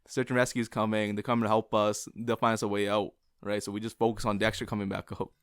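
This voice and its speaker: A man's voice: fairly low pitch, flat delivery, quick pace, dry recording, clean studio sound. A man co-hosting a podcast, telling a story in casual chat and laughing often as he goes. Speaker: podcast co-host.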